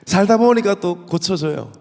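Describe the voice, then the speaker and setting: A man's voice: sits high, normal speed, vocal fry. Guy pastor w/ a gyeongsang accent preaching, voice jumps all over, big echoey church hall. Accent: Gyeongsang Korean. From South Korea. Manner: storytelling, lively and humorous, asks the congregation questions. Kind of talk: sermon. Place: church sanctuary.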